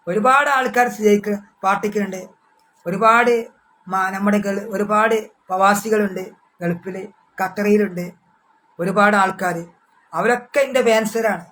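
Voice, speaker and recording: A man's voice: high-pitched, a bit bright, rough recording. A man with a Malabar Malayalam accent talking casually to his fans on a livestream. He often speaks of himself in the third person, repeats phrases and restarts words. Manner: repetitive, halting, with many restarts. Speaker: social media personality.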